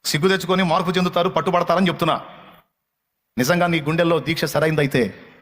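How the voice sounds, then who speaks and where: A man preaching a fiery sermon, scolding his listeners harshly with rapid, repeated rebukes. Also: fairly high pitch, steady tone, a bit bright, big-room sound.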